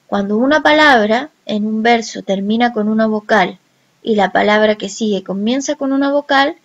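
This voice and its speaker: A woman teaching a recorded lesson, speaking slowly and deliberately and drawing out example words. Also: fairly high pitch, dull audio. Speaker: language teacher.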